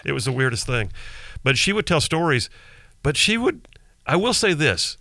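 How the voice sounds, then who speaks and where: Bright, gravelly talk radio man. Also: fairly high pitch, very animated, moderate pace, no echo. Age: middle-aged. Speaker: radio talk show host. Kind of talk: conversational talk radio monologue. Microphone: close studio broadcast microphone.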